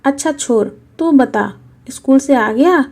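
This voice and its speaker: A woman voicing a frail, humble old village grandfather in a storybook reading, speaking gently and softly. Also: high voice, a little slow. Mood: gentle. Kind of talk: storybook narration.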